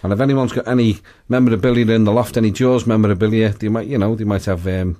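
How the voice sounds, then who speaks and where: A man's voice: on the low side, steady tone, fast talker, warm tone. A man interviewing in a casual, chatty way on radio, often tagging questions onto his statements.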